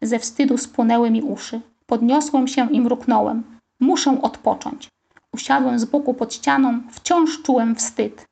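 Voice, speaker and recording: Woman reading a kids' story out loud, expressive, voice on the high side. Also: normal speed, creaky, few pauses. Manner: lively, expressive. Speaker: audiobook reader. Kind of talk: children's story narration.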